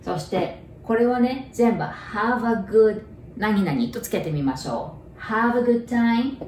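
A woman teaching a bilingual language lesson, slowly repeating words in careful pronunciation drills. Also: mid-range voice, lively intonation, a little mellow. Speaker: English teacher. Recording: echoey room, distant mic, faint noise.

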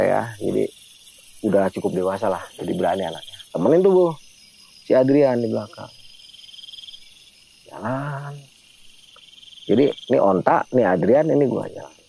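A man's voice: medium pitch, animated, normal speed, creaky, pauses often, dark tone, husky. A man telling a hiking horror story in casual slang, often turning to address his listener by name. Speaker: storyteller guest.

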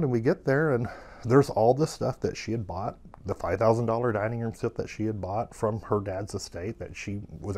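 A man with a somewhat low voice tells a rambling anecdote about his work. He keeps it animated and casual, filling gaps with easy fillers. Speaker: estate sale business owner. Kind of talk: casual storytelling.

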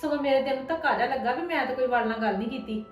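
A woman's voice: high-pitched, echoey room, soft background music, lightly acted. A woman playing a hurt young wife. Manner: pleading and defensive, quick talk. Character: hurt young wife, earnest and tired of blame. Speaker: daughter-in-law in a family drama. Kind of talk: scripted domestic drama acting.

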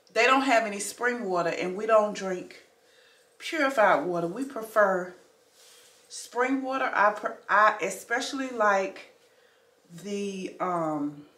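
A woman's voice: medium pitch, a bit bright. A woman chatting casually to her viewers in a home vlog, calling them family and y'all. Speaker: vlogger. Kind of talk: casual vlog chat to camera. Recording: echoey room, faint background noise.

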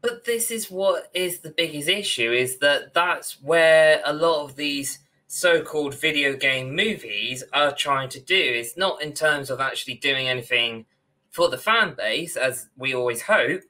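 A young man co-hosting a podcast over a video call rants about his opinions in a casual, emphatic way, swearing mildly now and then. His voice is a little high, unhurried, and bright with a forceful tone. He speaks from an indoor room.

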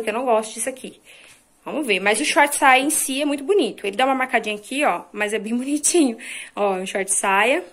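A woman's voice: fairly high pitch, fairly bright tone. Chatty woman showing off clothes. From Brazil. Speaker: fashion vlogger. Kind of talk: casual shopping haul chat. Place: small bright room at home, indoors. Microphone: camera at a short distance, then phone held at a mirror.

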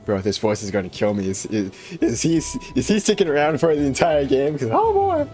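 A man's voice: medium pitch, a little fast, mellow, soft background music. A man casually commenting on a game he streams, with chatty, self-mocking asides.

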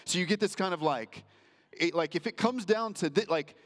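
Casual pastor with a ringing hall echo. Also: male voice, sits high, normal speed, fairly bright tone. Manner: casual and conversational, many fillers. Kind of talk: sermon.

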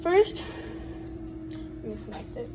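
A teenage girl vlogging casually in her home kitchen, rambling and chatty with lots of fillers, filmed on a handheld phone. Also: slow pace. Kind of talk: casual cooking vlog. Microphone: handheld phone camera. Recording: loud appliance noise behind.

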